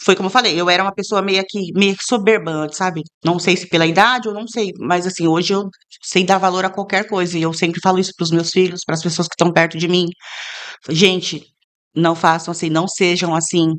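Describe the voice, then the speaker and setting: A woman from Brazil, a guest in a casual interview, telling her story in an earnest, heartfelt way and turning lively when she quotes other people. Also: on the low side, a little fast. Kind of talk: casual interview, faith testimony.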